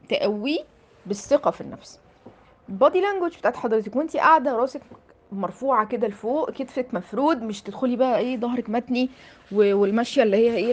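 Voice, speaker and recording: A woman career coach with an Egyptian accent giving animated, emphatic motivational advice, filling pauses with repeated "aah". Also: a little high. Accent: Egyptian Arabic.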